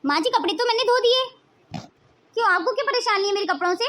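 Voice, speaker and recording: Cartoon: lazy, rude young daughter-in-law, very high and snappy. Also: female voice, lively intonation, brisk, a bit bright, slight background noise. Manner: snappy, grumbling.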